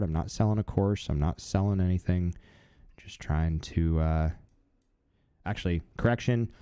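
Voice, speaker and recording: A man in his thirties hosting a live stream, talking in a relaxed, chatty way with lots of fillers. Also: sits low, no echo, studio quality. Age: 30s. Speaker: livestream host. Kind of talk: casual live-stream chat.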